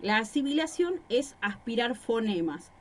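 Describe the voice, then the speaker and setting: A woman's voice: fairly high pitch, big pitch swings, normal speed, a little hiss or hum. A woman teacher with a Rosario Argentine accent, explaining a recorded class lesson with examples and rhetorical questions, speaking into a microphone in a small room. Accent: Rosario Argentine Spanish.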